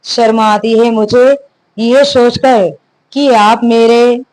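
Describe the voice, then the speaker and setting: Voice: medium pitch, steady tone, slow, darkish tone, lightly acted, poor audio. A narrator voicing an angry young husband who confronts his father and stresses every word. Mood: furious. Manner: stern, stresses each word.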